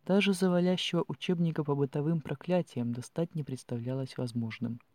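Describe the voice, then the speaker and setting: Guy reading a fantasy audiobook, kinda high voice, expressive, really dry sound. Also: a little fast, no room sound. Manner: expressive storytelling. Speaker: audiobook narrator. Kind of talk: scripted fiction narration.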